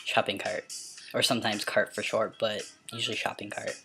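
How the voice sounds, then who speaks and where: An amateur vlogger with a mid-pitched, androgynous voice, speaking casually and stumbling now and then over words. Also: little pitch movement, vocal fry, pushed and bright, slight background noise. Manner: halting, stumbles over words and repeats them when reading. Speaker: amateur video blogger. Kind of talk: casual question-and-answer vlog with some read-aloud passages.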